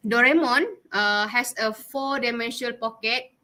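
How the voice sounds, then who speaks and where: A woman's voice: fairly high pitch, fairly even intonation, normal speed, bright, forceful tone. A woman in her twenties with a Malaysian English accent, casually presenting to her class, chatty and giggly, slipping Malay words in. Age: 20s. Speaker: student presenter.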